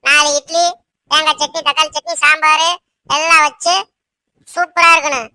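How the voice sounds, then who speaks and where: Cartoon old mother-in-law, bossy, scolding, high bright voice, dry sound. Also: flat delivery, normal speed, no echo. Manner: scolding, domineering. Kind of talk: cartoon voice acting.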